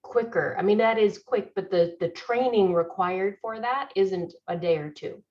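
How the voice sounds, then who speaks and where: A woman hosts a video call discussion in a brisk, friendly way. She sounds far from her mic, and the audio is dull and lo-fi. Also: medium pitch.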